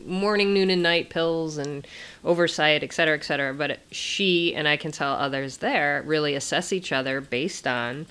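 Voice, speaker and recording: Deep-voiced lady host, chatty, lots of "mm-hmm" and "oh i like that". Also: normal speed, a bit bright, smooth. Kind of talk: casual interview chat.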